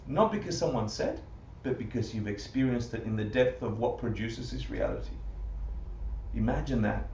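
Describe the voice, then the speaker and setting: A man's voice: medium pitch, dull audio, slight background noise. Man teaching Buddhism, distant roomy live audio. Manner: animated, laughs often, rhetorical questions. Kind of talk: live class talk. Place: classroom with audience.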